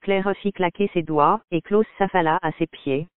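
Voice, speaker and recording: A man calmly reading a first-person story in an audiobook, on dry, tinny phone-like audio. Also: sits high, smooth, no room sound. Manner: calm, measured reading. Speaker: audiobook narrator. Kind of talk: scripted first-person narration.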